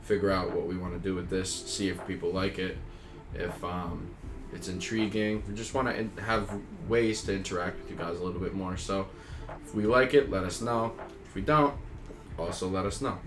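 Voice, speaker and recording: A man's voice: sits low, steady tone, normal speed, roomy sound, background noise. A man co-hosting a casual podcast, laid-back and rambling, cursing and laughing often. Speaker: podcast co-host. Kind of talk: casual chat.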